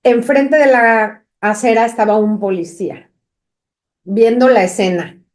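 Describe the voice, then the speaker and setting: A woman's voice: on the high side, a little slow, a little mellow. A woman, co-hosting a podcast and telling anecdotes straight to her listeners in a conversational way. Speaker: podcast co-host. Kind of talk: casual conversation.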